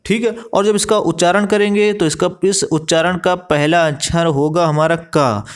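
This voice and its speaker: A man's voice: a little high, steady tone, moderate pace, clear, resonant tone. A male teacher explaining a grammar lesson, asking himself rhetorical questions and spelling out words letter by letter. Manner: repeats rhetorical questions and "ठीक है" while explaining. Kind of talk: classroom lesson explaining English grammar in Hindi.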